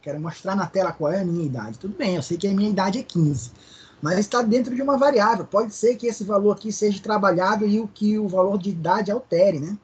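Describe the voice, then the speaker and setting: A male programming teacher with a Brazilian Portuguese Maranhão accent explains code step by step in a live online class, frequently checking in with his students. His voice sits high, brisk and husky with a darkish tone, and the recording is muffled.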